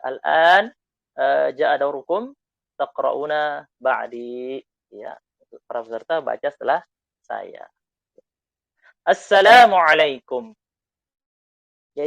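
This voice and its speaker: A man with an Indonesian accent teaching Arabic, reading lines slowly and loudly for students to repeat, then explaining in quick asides. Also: medium pitch, vocal fry, no room sound, lo-fi sound. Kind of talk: online Arabic lesson, reading dialogue aloud.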